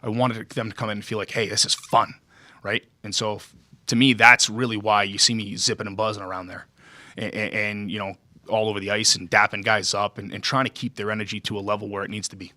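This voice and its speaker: A man with a low, bright and forceful voice gives press conference answers, recorded close and dry. He is earnest and emphatic, restarting phrases and checking in with his listeners. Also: flat delivery, brisk, dry recording. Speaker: hockey skills development coach.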